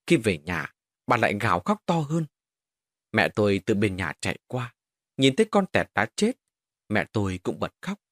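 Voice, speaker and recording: A man's voice: medium pitch, a bit bright, no room sound, studio quality. A man telling a first-person horror story as an audiobook narrator, with dramatic, varied delivery.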